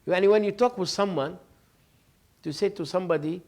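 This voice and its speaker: With a high-sitting, darkish voice, a sheikh talks briskly through an informal religious lesson. He chats conversationally, shares stories, jokes and laughs, and performs bits of dialogue.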